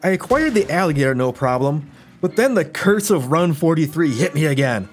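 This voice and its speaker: A man's voice: a little high, sing-song, a little fast, soft background music. A man narrating gameplay from a script as a YouTuber, with wry, self-deprecating storytelling. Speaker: gaming YouTuber.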